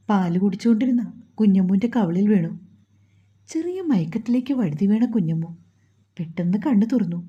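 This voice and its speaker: A woman narrating a novel in a slow, gentle, emotional reading. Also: mid-range voice, lo-fi sound.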